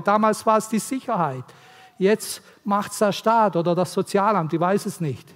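A man preaching an earnest, pleading sermon to mothers in a church, his delivery swelling and dropping. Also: high-pitched. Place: church hall. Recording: long hall reverb.

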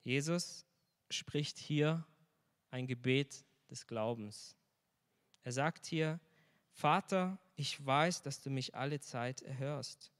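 A man's voice: medium pitch, slow, a bit bright. A man preaching a sermon in a church hall, sharing a personal testimony in an earnest tone and asking the congregation questions. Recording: long reverb of a large hall.

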